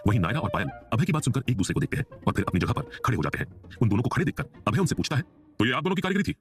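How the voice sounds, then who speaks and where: A man narrating an audio drama story in a fast, animated storytelling manner. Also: on the low side, faint music behind.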